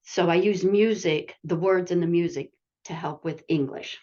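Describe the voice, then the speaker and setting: This adult-education teacher has a lowish, warm voice and talks at a normal speed, though the recording is muffled. Sharing a classroom anecdote over a video call, she's chatty, uses many fillers, and laughs while telling it.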